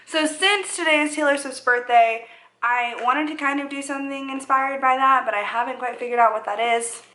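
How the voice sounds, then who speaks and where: A young woman in her twenties, a vlogger, chats through a makeup tutorial in her living room at home, rambling and making fun of herself as she applies her makeup. Her high voice sounds pushed and bright at a normal speed. The indoor room is echoey, with slight background noise.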